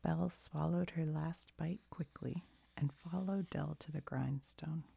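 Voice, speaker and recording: A woman reads a bedtime story in an unhurried, fairly even tone, whispering softly for ASMR. Her half-whisper is deep, hushed, and breathy, with a gentle storybook manner.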